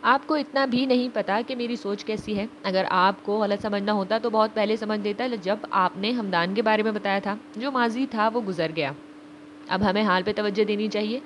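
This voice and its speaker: A woman voicing a gentle, teasing young husband who speaks calmly and seriously in an audio novel. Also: on the high side, a little hiss or hum, lightly acted. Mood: tender. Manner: calm, soft, serious.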